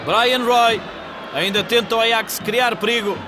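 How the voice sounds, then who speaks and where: A man with a European Portuguese accent giving live football match commentary in measured, descriptive phrases. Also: very high voice. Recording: 1980s TV broadcast, loud stadium crowd noise. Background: football stadium crowd.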